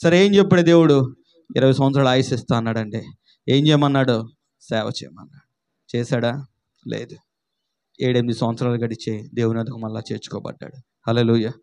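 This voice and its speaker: A man's voice: medium pitch, steady tone, brisk, pauses often, a little mellow, clean tone. A man preaching a sermon, asking the congregation rhetorical questions and calling for responses. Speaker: pastor.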